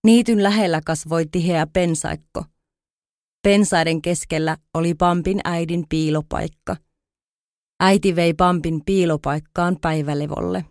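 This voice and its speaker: A woman reads an easy-read children's story aloud, slow, clear and even. Her voice sits on the low side and the recording is dry and close. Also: dry recording. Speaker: audiobook reader.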